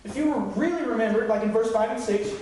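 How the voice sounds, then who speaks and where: A man's voice: sits high, quick pace, warm tone. Young male youth pastor preaching. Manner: conversational, joking, acts out quoted voices. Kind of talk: sermon. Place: church sanctuary. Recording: echoey room from far off.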